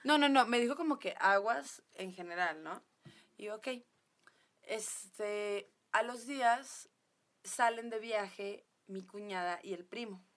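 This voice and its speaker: Mexican woman, podcast guest, casual storyteller, acts out the quoted lines, mid pitch. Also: slow pace, fairly bright tone. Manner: chatty, lots of fillers and quoted dialogue.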